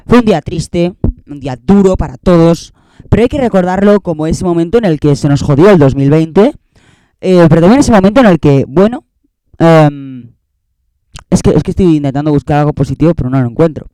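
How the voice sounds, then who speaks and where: A man's voice: fairly high pitch, lively intonation, fairly quick, dark tone, clean tone, dry recording. A young man with a Spain Spanish accent, hosting a casual, rambling, sarcastic year-end monologue that keeps repeating itself. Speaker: host.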